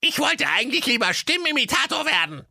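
A sarcastic, half-plucked parrot with a squawking, very high voice. He is bright and shrill and mocks the others. The sound is close and dry, as in a comic audio fairy tale. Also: big pitch swings, a little fast, vocal fry, no echo, full character voice. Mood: snarky. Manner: snarky, shrill. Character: cheeky male parrot, half-plucked and jobless.

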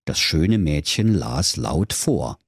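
A man's voice: rumbling low, very animated, takes it slowly, breathy edge, dry recording, studio quality. A man narrating a comic fairy tale in a mock-solemn storytelling manner.

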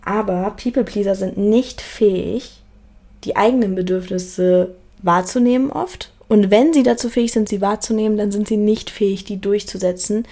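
A young woman hosts a solo podcast talk, speaking earnestly and reflectively and often restarting and repeating words. Her voice is mellow, medium-pitched and moderately paced.

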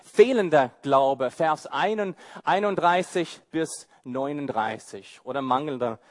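Male pastor for a sermon; high, swooping voice, unhurried, playful and mocking. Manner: animated, mocking asides and rhetorical questions.

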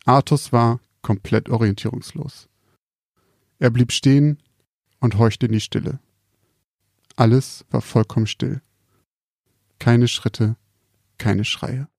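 A man calmly reading out a scripted spooky story in a measured, quiet storytelling manner. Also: mid-range voice, gravelly, no room sound, studio quality.

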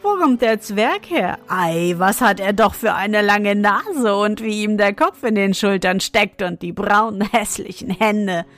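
A woman's voice: medium pitch, measured pace, few pauses, fairly bright tone, dry recording, close to an everyday voice. A woman voicing townsfolk who mock a passing dwarf. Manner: mocking, calling out. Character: jeering crowd of townsfolk.

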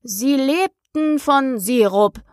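Woman doing a hoarse sleepy dormouse. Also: sits high, lively intonation, no room sound, clean studio sound, pitched above the performer's own voice. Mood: drowsy grumbling. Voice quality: hoarse, weak. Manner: slow, drowsy, touchy. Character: sleepy old male dormouse, grumpy.

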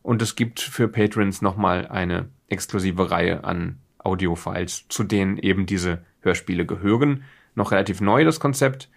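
Gravelly and low, this man's voice moves at a moderate pace with hardly any pauses as he introduces his podcast. As host, he explains things casually and unscripted, rambling and poking fun at himself.

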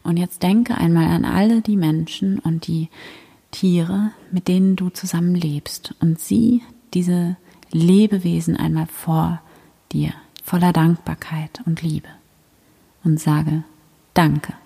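A woman guiding a prayer meditation in a soft, breathy whisper, gentle and soothing. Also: on the low side, steady tone, takes it slowly.

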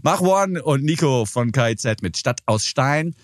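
A man in his forties co-hosting a casual music podcast, talking about songs at length with lively enthusiasm. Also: mid-range voice, unhurried, no room sound, clean studio sound. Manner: animated, enthusiastic, explains at length. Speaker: podcast co-host. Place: studio in a cellar.

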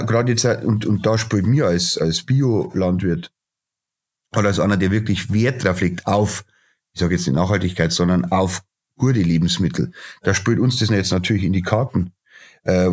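With a deep, slightly rough voice at normal speed, this middle-aged man, a chef and restaurateur, rants bluntly through a casual podcast interview. He uses lots of filler sounds and keeps restarting.

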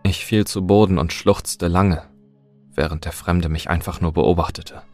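A man's voice: sits low, fairly even intonation, measured pace, a little mellow, soft background music. A man narrating a scripted first-person horror story in a tense, dramatic way.

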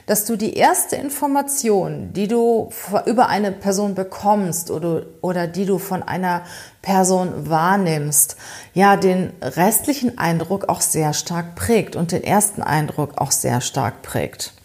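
A woman presents an educational podcast in a relaxed, conversational way. She speaks straight to the listener and keeps asking rhetorical questions as she explains her points. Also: fairly low pitch, measured pace. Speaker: podcast host.

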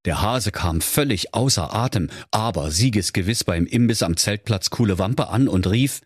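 Husky man telling a comic fairy tale. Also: fairly low pitch, lively intonation, moderate pace, no echo, clean studio sound. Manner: mock-solemn storybook telling. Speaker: storyteller.

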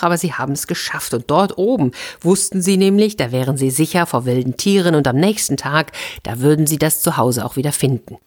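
Brief: low-pitched woman narrator, children's fairy tale, gentle and lively. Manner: gentle, lively storytelling with repetitions. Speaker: storyteller. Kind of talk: children's story reading.

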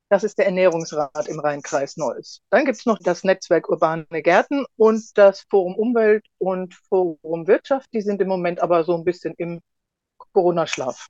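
A woman's voice: medium pitch, a little mellow, no echo. A woman explaining her work as an association spokeswoman in a podcast interview, on a slightly lo-fi track.

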